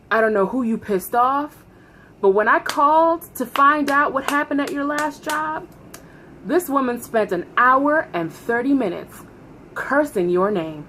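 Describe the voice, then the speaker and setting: A woman telling a casual, gossipy storytime into her phone, animated, with dramatic emphasis and acted-out dialogue. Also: high voice, a little hiss or hum. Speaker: vlogger telling a personal story.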